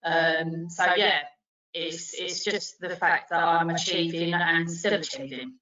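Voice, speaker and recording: A woman's voice: lowish voice, steady tone, a little slow, pushed and bright. Hesitant woman, echoey and far off. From Wales. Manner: hesitant, many ums and restarts. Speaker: train driving instructor. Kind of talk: interview answers on a video call. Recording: dull lo-fi audio, echoey, distant from mic.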